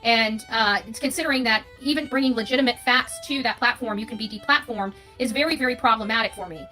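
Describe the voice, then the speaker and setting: An American woman from the United States, an online creator, delivers an unscripted, opinionated monologue in a slightly high, sharp voice and talks fast. She's emphatic, repeating phrases for stress, with faint music in the background.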